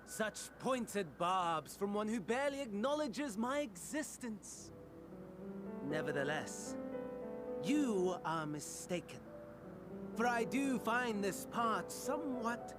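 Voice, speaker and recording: High-voiced, courtly scheming villain. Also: male voice, expressive, music in the background. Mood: mocking amusement. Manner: mannered, silky formal phrasing with dramatic pauses. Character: scheming theatrical male villain, courtly, mocking, morbidly delighted. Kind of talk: dramatic video game voice acting.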